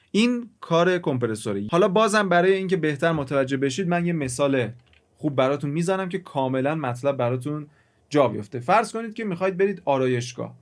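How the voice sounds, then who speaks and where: A man teaching music mixing in a casual, chatty way, talking straight to the viewer and explaining with everyday examples. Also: mid-range voice. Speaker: music production instructor. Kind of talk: casual screen-recorded tutorial.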